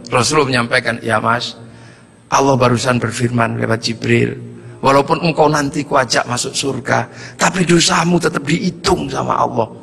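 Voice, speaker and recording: A middle-aged man, preaching a sermon and telling a story with acted-out voices and sudden shouts. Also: medium pitch, vocal fry, husky, big-room sound. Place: religious gathering.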